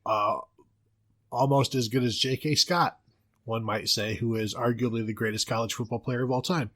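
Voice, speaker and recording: American man, podcast host, casual joking chat, animated rambling delivery. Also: mid-range voice, normal speed.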